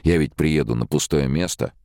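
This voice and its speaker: A man's voice: rumbling low, moderate pace, a little mellow, no echo, studio quality. A man voicing a blunt, weary emigrant. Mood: sardonic. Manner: blunt, sardonic. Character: weary defiant émigré man, middle-aged. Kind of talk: audiobook character voice.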